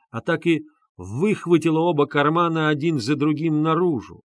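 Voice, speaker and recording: A man narrating an audiobook in a steady, measured reading voice. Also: medium pitch, no room sound, clean studio sound. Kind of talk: scripted narration.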